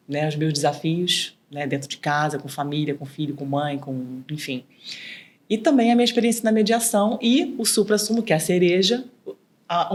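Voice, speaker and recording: A middle-aged woman mediator chatting as a podcast guest, animated and acting out quoted dialogue. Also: sits low. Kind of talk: casual podcast interview.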